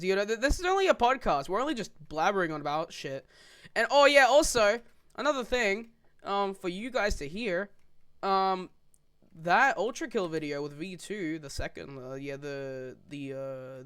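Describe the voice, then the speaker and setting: A man's voice: on the high side, expressive, moderate pace, a bit bright, clean tone. A young man hosting a casual podcast, rambling and restarting his sentences while he plays a game. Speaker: podcast host. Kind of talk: casual chat. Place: home, gaming while talking.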